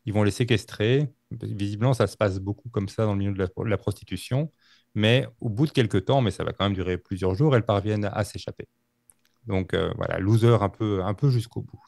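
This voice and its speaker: Guy telling a true crime story, gravelly low voice, lots of euhs, dry close sound. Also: a little mellow, no room sound. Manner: halting, many fillers and restarts. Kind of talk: casual storytelling.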